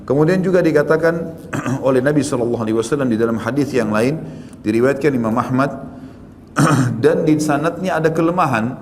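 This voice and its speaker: An Islamic preacher with a medium-pitched voice gives a lively religious lecture, speaking directly to listeners and often adding "gitu kan." He exclaims and rises sharply on key points, with long hall reverb, faint ambience and slight background noise.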